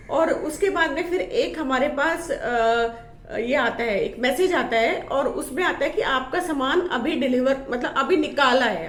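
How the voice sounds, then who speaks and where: A high-pitched woman talks casually to the camera in a vlog, holding up items and griping about their poor quality with plenty of filler words. Her audio sounds roomy, with a slight hiss or hum.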